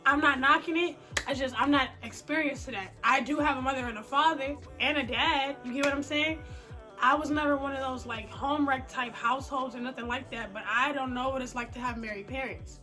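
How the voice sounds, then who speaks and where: A young woman telling a personal story in a blunt, animated, slangy way, swearing freely. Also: high voice. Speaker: vlogger. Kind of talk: casual storytime vlog.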